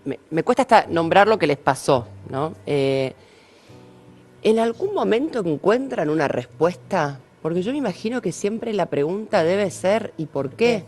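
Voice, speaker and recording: Woman, TV panelist, halting, repetitive, emotionally involved. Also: lowish voice, lively intonation, darkish tone, soft background music. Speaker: TV panelist asking questions.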